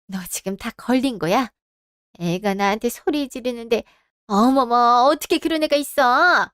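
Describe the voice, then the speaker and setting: A haughty, scolding mother-in-law, as a woman voices her in a radio drama. Her voice sits high and sharp, full of offended pride. It is recorded dry and close, with no room sound. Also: moderate pace, clear, resonant tone, dry recording, close to an everyday voice. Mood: indignant. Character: indignant middle-aged mother-in-law, shrill and scolding.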